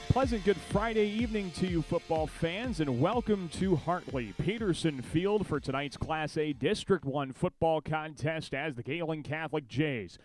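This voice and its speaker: A man's voice: on the high side, dry recording. A man with an American accent giving pregame radio commentary as a football play-by-play announcer. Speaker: sports director and play-by-play announcer.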